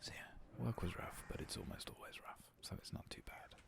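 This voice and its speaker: Here an ASMR gaming host speaks at a brisk clip, though still softly and half in a whisper. His voice is rough and gravelly, hoarse after a long day of work, and his relaxed commentary on the game wanders and turns self-mocking.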